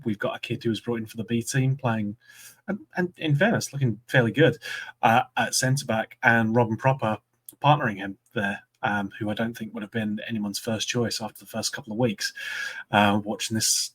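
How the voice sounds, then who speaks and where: A Scottish man hosting a football podcast, speaking in a measured way and steering the discussion with questions to his co-hosts. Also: medium pitch, fairly bright tone, husky, low-quality recording. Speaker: podcast host. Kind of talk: casual football chat.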